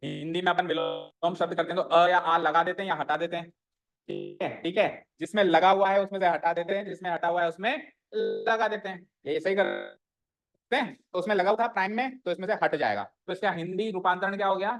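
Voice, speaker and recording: Speaking a little fast in a high, slightly bright voice, a man teaches maths to a class. He asks questions, repeats the students' replies, and drops English maths terms into his talk.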